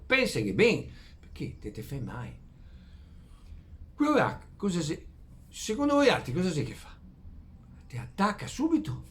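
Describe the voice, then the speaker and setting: A man with a Venetian accent from Veneto, speaking in dialect, rambling through homespun philosophy in a halting way, repeating words and putting questions to his listeners. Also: medium pitch, slight background noise. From Veneto, Italy. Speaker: vlogger. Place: outdoors among flowers in early morning.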